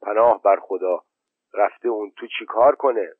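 A man's voice: on the low side, husky, no room sound. A man voicing a pious older village man who wonders aloud, on a tinny, narrow-band recording. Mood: wondering.

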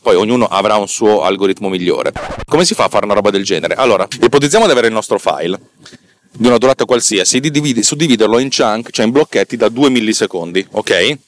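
The podcast host here has a lowish voice and a quick pace, and he sounds a little weary. Explaining technical matters informally, he digresses, slightly stammers through repetitions and self-corrections, and checks in with rhetorical questions.

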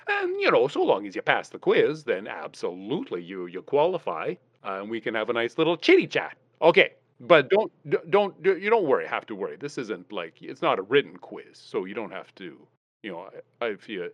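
A man's voice: mid-range voice, big pitch swings, brisk, no room sound. Give me a rambling folksy man talking over a dull, dry phone line. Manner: rambling, folksy, full of "you know" and "uh". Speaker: podcast host. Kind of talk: comic phone interview.

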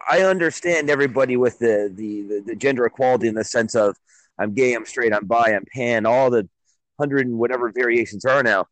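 A man from Ontario calling in to a radio talk show, blunt and quick to laugh. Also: mid-range voice, a bit bright, no echo, poor audio. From Ontario, Canada. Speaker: caller. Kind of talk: casual call-in chat.

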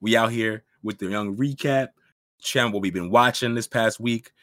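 A man with a hoarse, worn voice on the low side, recorded fairly dry. He talks as a podcast co-host in loose, slangy anime chat, as if getting through a cold. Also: moderate pace, a bit bright, no room sound. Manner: slangy, says bro constantly. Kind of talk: casual hyped-up anime chat.

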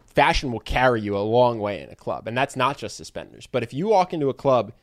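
A man's voice: medium pitch, expressive, quick pace. A young man co-hosting a podcast, giving direct and emphatic advice in casual chat. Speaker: podcast co-host.

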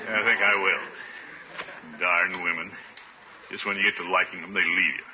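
An actor playing a pompous, sentimental middle-aged bachelor in a 1950s radio comedy, with a theatrical delivery. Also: male voice, sits low, flat delivery, moderate pace, natural voice. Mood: rueful confiding. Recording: noisy, muffled old radio broadcast.

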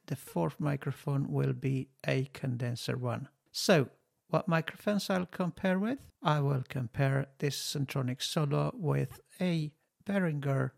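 A podcast host tests microphones at his home studio desk, speaking close into a dynamic studio mic. His voice is gravelly and on the high side, and his casual talk comes slowly and haltingly, full of fillers and non-native phrasing.

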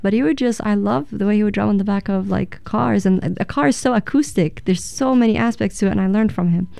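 Smooth, warm-voiced woman telling stories. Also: medium pitch, brisk, no echo. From Egypt. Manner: reflective storyteller, many fillers. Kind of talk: casual radio chat.

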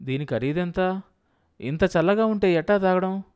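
A man's voice: fairly high pitch, expressive, moderate pace, darkish tone, voice pushed up, lightly acted. A man voicing a naive, simple husband who is bewildered by the city cinema, in an audiobook. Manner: innocent, bewildered.

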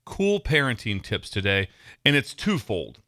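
A Nebraska man co-hosts a casual sports podcast, telling stories in an excitable, animated way and laughing often. His voice sits mid-range and his pace is unhurried.

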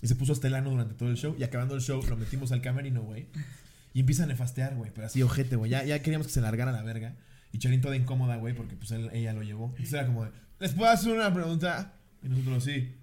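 A man's voice: mid-range voice, steady tone, very fast, dark tone. A man with a Mexican Spanish accent, co-hosting a comedy podcast and telling stories full of crude slang. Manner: crude slang-heavy storytelling. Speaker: podcast co-host. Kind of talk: casual comedic chat.

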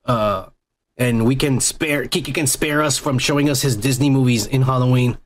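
A man's voice: mid-range voice, moderate pace, slight background noise. A man co-hosting a casual podcast, crude and joking as he rambles. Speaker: podcast co-host.

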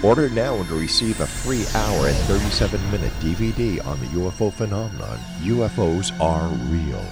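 A man delivering a scripted infomercial pitch with a dramatic, suspenseful announcer's delivery. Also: sing-song, normal speed. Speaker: advertisement announcer. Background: music.

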